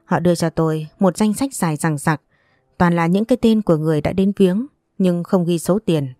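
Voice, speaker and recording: A woman narrating a first-person audio story in a steady, subdued way. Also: on the low side, fairly quick, no echo, studio quality.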